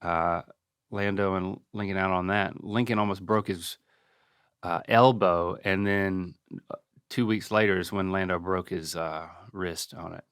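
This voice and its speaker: Middle aged guy from north carolina, slightly deep voice, dry close recording, casual wry storytelling. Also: steady tone, unhurried, a bit bright, clear, resonant tone, dry recording. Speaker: podcast co-host.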